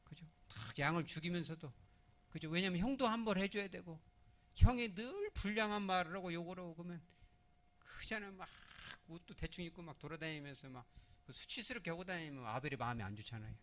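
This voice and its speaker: A man preaching a sermon as pastor, talking with his congregation, asking questions and answering them himself, moving between loud stressed words and hushed phrases. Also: high voice, brisk. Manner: acts out little scenes in other voices; swings from loud emphasis to soft, hushed phrasing.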